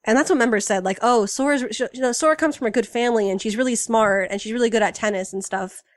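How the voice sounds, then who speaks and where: A woman's voice: a little high, fast talker, no echo, clean studio sound. A woman co-hosting a casual fan podcast, chatty and enthusiastic, full of fillers. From United States. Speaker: podcast co-host.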